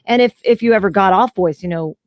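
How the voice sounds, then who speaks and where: This guest, a woman voice actor from the Southern US, talks at a quick pace in a mid-range, darkish-toned voice, with no room sound. Chatty and filler-heavy, she tells stories throughout a casual interview held over a video call.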